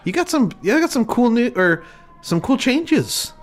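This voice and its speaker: A man's voice: very high-pitched, very animated, unhurried, faint music behind. A man co-hosting a comedy podcast in casual chat, goofy and jokey. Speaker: podcast co-host.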